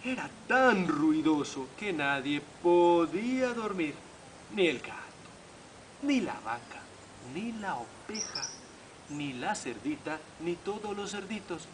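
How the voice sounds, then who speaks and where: A man reading a children's picture book to young listeners, slowly and with a lot of rise and fall in his voice. He imitates the animals as he goes. A steady hiss sits under the noisy recording. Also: high voice. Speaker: storyteller. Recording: noisy home video recording.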